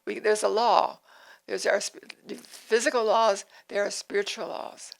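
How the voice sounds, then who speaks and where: The host of this devotional podcast is a woman in her 80s whose earnest talk circles back on phrases and frequently starts sentences over. She speaks at a measured pace in a flat, medium-pitched voice with vocal fry, captured on poor audio.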